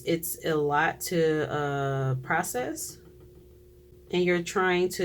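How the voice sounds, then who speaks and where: Chatty tarot reader doing a reading for viewers, loose and rambly, laughs a lot, middle pitch. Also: slight background noise. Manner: chatty, trails off and restarts, laughs often.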